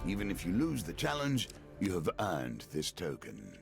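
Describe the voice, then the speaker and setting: An actor playing a mysterious game-master card dealer in a fantasy video game, slow, deliberate and ominous. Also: male voice, deep voice, huge pitch swings, vocal fry, over music, heavily acted.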